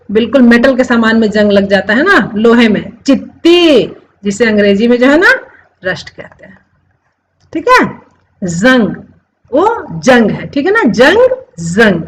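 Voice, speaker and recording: A woman gives a Hindi lesson at an unhurried pace. She repeats every word several times and keeps asking her viewers questions. Her somewhat high voice rises and falls widely as she explains. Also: big pitch swings, rough recording. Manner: explains slowly, repeats words over and over; addresses viewers as friends, asks questions. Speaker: Hindi teacher. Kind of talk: classroom-style lesson.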